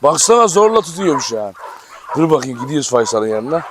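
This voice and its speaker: A man's voice: on the high side, sing-song, fast, a bit bright. A man hosting a casual farm vlog, talking to viewers and coaxing his animals with fond, affectionate words. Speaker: dog farm vlogger. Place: outdoor farm yard with dog cages. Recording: outdoor noise with barking dogs. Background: dogs barking.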